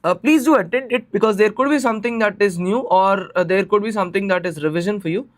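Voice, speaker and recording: Male online tutor, Indian accent, notably high voice, conversational explainer who repeats key phrases and asks check questions. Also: fast. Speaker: teacher of exam preparation class. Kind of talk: live online lesson, informal explaining.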